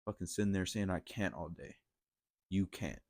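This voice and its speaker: A man's voice: sits low, moderate pace, darkish tone, dry recording, clean studio sound. A man hosting a casual motivational monologue, blunt and profane, rambling with frequent restarts. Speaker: podcast host.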